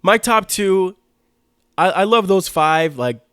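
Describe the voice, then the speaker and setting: A man's voice: high voice, animated, slow, a bit bright, clear, resonant tone, dry recording, studio quality. A young man co-hosting a podcast, chatting casually about sports uniforms, eager, with many "like" fillers and restarts. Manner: enthusiastic, lots of "like" fillers and restarts. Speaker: podcast co-host.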